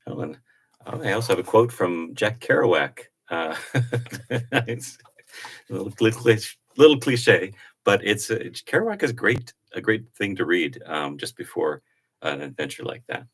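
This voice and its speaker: A man's voice: sits low, expressive, measured pace, fairly bright tone, breathy edge. A middle-aged man reading aloud from his old travel journal in a chatty, casual way, with fillers and self-corrections.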